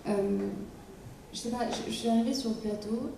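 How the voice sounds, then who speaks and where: Woman, young, festival panel guest, hesitant, fillers, dark tone, distant, echoey hall. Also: a little high, fairly even intonation, brisk, a little hiss or hum. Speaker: actress guest. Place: large hall.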